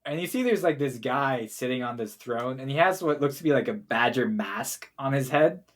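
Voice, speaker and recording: A man's voice: mid-range voice, expressive, moderate pace. A man narrating as game master of a tabletop role-play game, casually and with lots of fillers.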